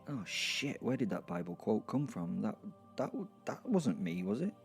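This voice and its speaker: A man with a fairly low, very animated voice plays an irreverent, foul-mouthed werewolf narrating a first-person horror comedy audio drama. At normal speed, he drifts into hesitant, rambling, wry asides, sounding exasperated, with faint music in the background.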